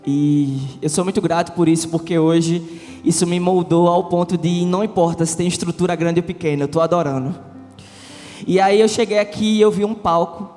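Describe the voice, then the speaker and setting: Young brazilian guy giving a testimony, high voice, lots of hall reverb, faint music. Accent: Brazilian Portuguese. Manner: animated, humorous storytelling that acts out dialogue. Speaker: church member giving testimony. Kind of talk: testimony before a congregation. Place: large church hall during a vigil.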